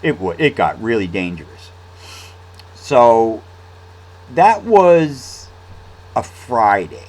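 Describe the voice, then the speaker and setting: A man's voice: medium pitch, big pitch swings, slow, darkish tone, low-quality recording. A man telling a story in a casual, rambling monologue, with restarts and fillers. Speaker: vlog host.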